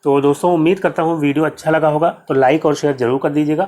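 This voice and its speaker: A man's voice: a little high, steady tone, fast talker, a little mellow. A man with a Hindi accent teaching an exam-prep grammar lesson, explaining step by step, asking questions and answering them himself. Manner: explains step by step, repeats "ठीक है" often.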